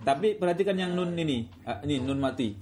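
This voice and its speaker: A man teaching Quran recitation rules in a casual classroom way, often slowing down to demonstrate sounds in a drawn-out voice. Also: on the high side, faint music behind. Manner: relaxed, repeats filler words often.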